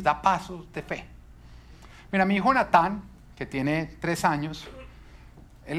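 A man's voice: a little high, fairly bright tone. A male pastor preaching a sermon, emphatic and full of rhetorical questions.

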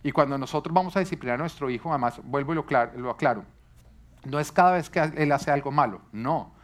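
With a mid-range voice and a fast pace, a preacher addresses a live congregation with a sermon on parenting. He teaches earnestly and asks his listeners rhetorical questions.

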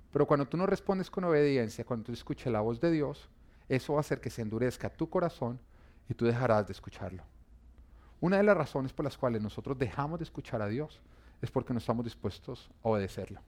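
A man pastor delivers a sermon in a voice of middle pitch, repeating each main point for weight. He swells louder and higher on key phrases, then drops back to a low, steady teaching tone. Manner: emphatic preaching with rising, forceful emphasis on key phrases.

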